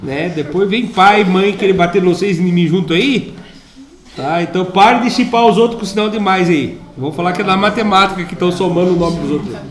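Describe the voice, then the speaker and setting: Man, math teacher, Brazilian accent, high voice, playful and chatty, echoey classroom. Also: a little fast. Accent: Brazilian Portuguese. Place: school classroom.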